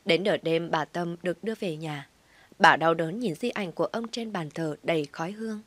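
A woman reading a scripted story aloud with emotional, dramatic delivery and soft whispered passages. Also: lowish voice, brisk, no echo. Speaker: narrator.

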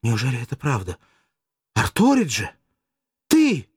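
A man's voice: mid-range voice, steady tone, moderate pace, a little mellow, breathy edge, no echo, clean studio sound, pitched above the performer's own voice, natural voice. A man reading an audiobook, voicing a desperate, grieving young woman who pleads passionately in a strained, raised voice. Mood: frightened.

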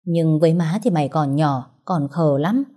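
A woman voicing a weary village mother who talks softly and with worry. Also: low voice, normal speed. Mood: worried. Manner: soft, sighing.

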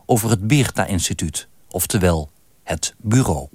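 A man giving measured, scripted narration for a radio documentary. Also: sits low, animated, a little mellow, slightly rough, no room sound, soft background music.

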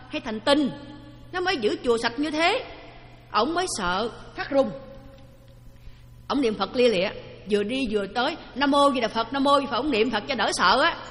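Woman dharma teacher, lively storyteller, higher voice, long hall reverb. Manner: lively, questions the audience.

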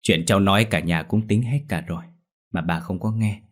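A man voicing a worried middle-aged uncle in an audio ghost story, speaking in a hurried, anxious way. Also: low-pitched. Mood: reassuring.

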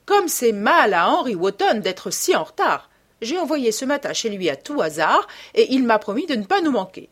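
A woman's voice: mid-range voice, sing-song, moderate pace, husky. A woman voicing an elderly aristocratic hostess who is gossipy and teasing, reading an audiobook with exclamatory emphasis.

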